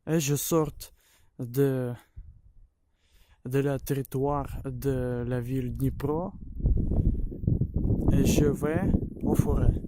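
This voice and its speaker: Slow, halting Ukrainian man in broken French. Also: mid-range voice, steady tone. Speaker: amateur vlogger. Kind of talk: outdoor travel vlog to camera. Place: outdoors near a city. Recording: clearly noisy outdoor recording, loud noise.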